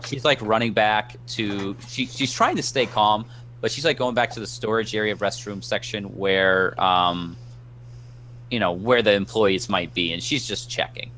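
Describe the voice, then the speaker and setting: A man narrating a tabletop game as game master, halting and restarting with many ums. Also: fairly low pitch, pushed and bright, a little hiss or hum.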